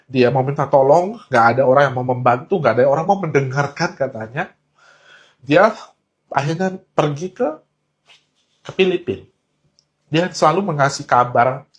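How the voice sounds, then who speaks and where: A man telling a warning story to his viewers in an urgent, emphatic way, mixing casual slang into his talk. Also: fairly high pitch. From Indonesia. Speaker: online talk host. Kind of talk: earnest warning monologue.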